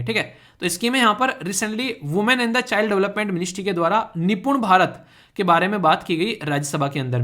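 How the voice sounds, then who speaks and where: A man's voice: high voice, fairly bright tone. Chatty male exam-prep teacher. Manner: chatty, teasing, mixes English terms into Hindi; keeps checking in with students. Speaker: current affairs teacher. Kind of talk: online exam-prep lecture.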